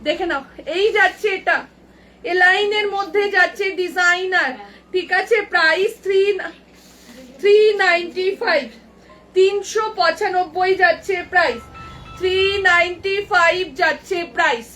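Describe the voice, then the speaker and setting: High, bright woman selling clothes live. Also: soft background music. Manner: brisk, repeats prices, chats with helpers and viewers. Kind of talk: live sales patter. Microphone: earbuds mic.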